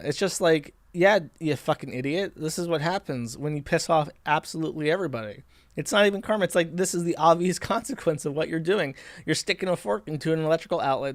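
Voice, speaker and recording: A man hosting a stream talks through a long, sardonic, rambling monologue and often restarts his sentences. His voice sits a little high, and it is recorded dry and close, with no room sound. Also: dry recording. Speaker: streamer host. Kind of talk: monologue commentary.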